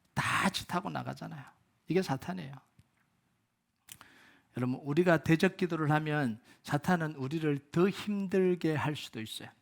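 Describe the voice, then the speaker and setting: A man preaching a sermon as pastor at a Friday prayer meeting, moving between loud emphatic peaks and low quiet asides. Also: gravelly. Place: church sanctuary.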